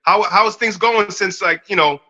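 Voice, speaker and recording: A man cohosting a casual podcast, with a very bright, sharp voice pitched fairly high. He talks in a laid-back way and swears freely. The sound is dull and lo-fi. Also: normal speed. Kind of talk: casual chat.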